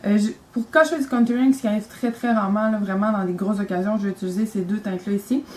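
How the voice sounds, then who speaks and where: A woman's voice: mid-range voice, fairly even intonation, fast talker, a little mellow, poor audio. A young woman with a Quebec French accent, talking casually and enthusiastically about her makeup, rambling with lots of fillers. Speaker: beauty vlogger.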